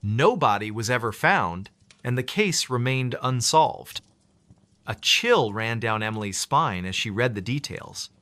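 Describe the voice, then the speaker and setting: A man's voice: mid-range voice, expressive, a little slow, sharp tone, dry recording. A man narrating a scripted horror story with dramatic, suspenseful delivery.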